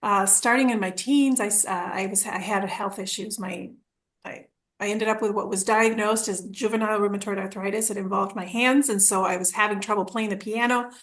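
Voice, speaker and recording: Guesting on a podcast, an Argentine woman in her forties rambles casually through her story, often starting over and performing quoted lines with laughter. She talks briskly in a mid-range, steady, slightly bright voice.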